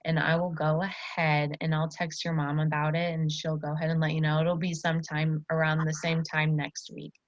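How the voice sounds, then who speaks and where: This Iowa woman in her early 20s speaks low-pitched and completely flat at a moderate pace, with few pauses, yet her words encourage and praise the child she's teaching one-to-one as a student teacher. The room recording is dull, echoey and lo-fi.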